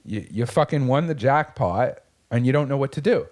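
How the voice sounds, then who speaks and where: A man's voice: mid-range voice, expressive, moderate pace, a little mellow. A man co-hosting a podcast in casual chat, talking bluntly and motivationally with frequent swearing. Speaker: podcast co-host.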